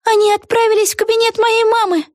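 A woman doing a squeaky, excited little witch girl. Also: quick pace, dry recording, studio quality. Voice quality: very high, squeaky girlish voice. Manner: breathless, exclamatory. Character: excitable young girl witch, eager and curious.

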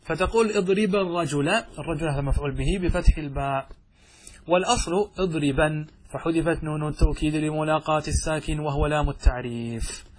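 A man with a fairly high, husky voice teaches grammar in a classroom style. He poses questions to his listeners and slows down to recite lines of verse. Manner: asks students questions, recites verse slowly. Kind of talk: classroom lesson explaining grammar.

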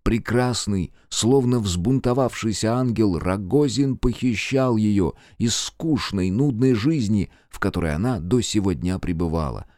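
A man narrating an audiobook in a measured storytelling manner. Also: fairly low pitch, expressive, warm tone, no room sound, studio quality. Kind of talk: scripted narration.

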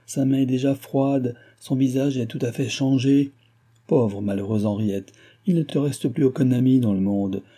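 A distraught young woman who begs and sobs, her voice pushed well above its usual pitch and swelling louder in her outbursts, as a man reads her part. She clings and exclaims without pause. The tone stays dark and slightly husky underneath. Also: close to an everyday voice. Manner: pleading, sobbing, exclamatory.

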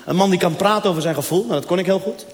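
A man's voice: sits high, racing. A man performing a stand-up comedy routine, telling a story in a casual way with asides to the audience, in a live venue hall. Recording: echoey hall sound, faint noise.

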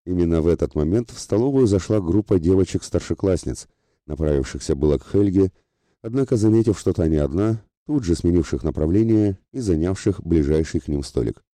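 A man narrating a first-person audiobook in a steady, measured way. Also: sits low, dry recording.

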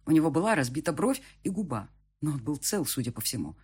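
A man's voice: fairly high pitch, very animated, quick pace, a little mellow, husky. A man reading a first-person audiobook with a tense, emotional delivery. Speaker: audiobook narrator.

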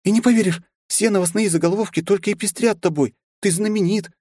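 A male reader voicing a young noblewoman, kind but commanding, in a raised falsetto for an audiobook. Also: fairly quick, a little mellow, breathy edge, dry recording. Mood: earnest. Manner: high falsetto, firm and imperious. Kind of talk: audiobook character voice.

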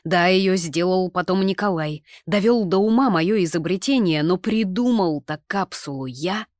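A woman voicing an excited, slightly drunk young man who keeps insisting to his fiancée. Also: lowish voice, moderate pace, dry recording, clean studio sound, lightly acted. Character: young man, heroine's ardent, tipsy fiancé.

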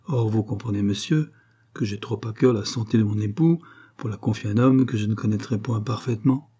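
A man's voice: on the low side, fairly quick, warm tone, breathy edge. A man voicing a haughty, scornful queen with a biting, contemptuous delivery. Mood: mocking.

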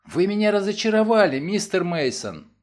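A man's voice: sits high, big pitch swings, normal speed, pitched above the performer's own voice. A man voicing an anxious young woman who was robbed, speaking in a raised, breathless and pleading way in an audiobook. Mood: agitated.

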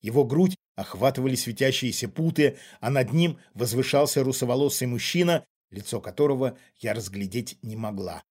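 A man reading a first-person story as an audiobook narrator in a steady, even manner. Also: mid-range voice, normal speed, few pauses, slightly rough. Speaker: audiobook reader.

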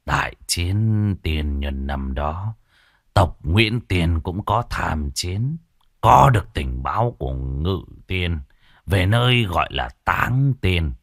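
A man voicing a frail, trembling clan elder over a hundred years old in a ghost story, speaking slowly and solemnly. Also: low-pitched, sing-song, gravelly, dry recording, studio quality, heavily acted. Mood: grave.

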